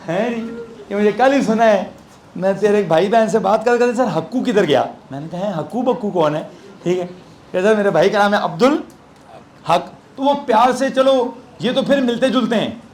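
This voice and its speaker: A man with a Pakistani Urdu accent, pitched high for a man, teaches a physics lesson in a classroom. He talks conversationally and keeps quizzing his students with playful asides, over faint room ambience. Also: normal speed, darkish tone, slight background noise. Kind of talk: classroom lecture.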